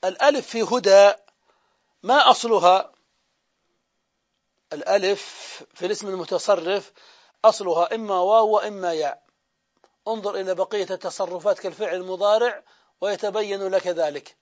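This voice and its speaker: A man teaching a classroom grammar lesson. He explains step by step, asks his own questions and answers them, and draws out example words as he repeats them. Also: high-pitched. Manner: drawn-out repetition of example words. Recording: dull lo-fi lecture recording.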